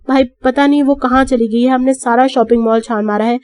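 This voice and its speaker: A woman's voice: high voice, fairly even intonation, a little mellow, no room sound, studio quality, natural voice. A woman voicing a frightened young woman who holds back tears. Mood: anxious. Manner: anxious, holding back tears.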